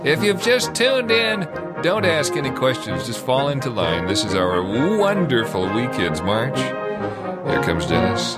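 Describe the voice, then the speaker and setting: A man hosting a children's march with playful commentary, encouraging the marchers as he calls out names and step commands. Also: mid-range voice. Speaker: children's march leader and host. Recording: loud brass march music behind the voice. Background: loud brass band march music.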